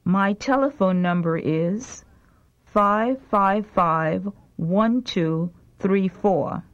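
A woman's voice: mid-range voice, very slow. A woman reading phrasebook lines for a language course, carefully enunciated. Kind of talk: slow scripted phrasebook drill. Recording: dull lo-fi tape recording.

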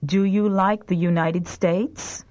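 A woman's voice: medium pitch, fairly even intonation, slow, a little mellow. A woman reading phrasebook lines for a language course, carefully enunciated. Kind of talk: slow scripted phrasebook drill. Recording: dull lo-fi tape recording.

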